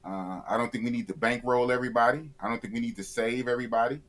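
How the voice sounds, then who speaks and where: A man's voice: mid-range voice, quick pace, a bit bright. Man, 50s, blunt, opinionated, repeats himself, casual interview guest. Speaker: YouTuber guest.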